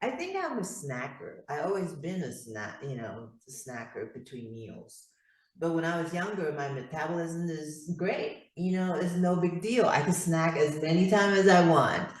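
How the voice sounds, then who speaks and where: Distant low-voiced woman in her fifties. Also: big pitch swings, moderate pace. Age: 50s. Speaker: fitness club member guest. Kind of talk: casual roundtable chat. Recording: very echoey, distant from the mic.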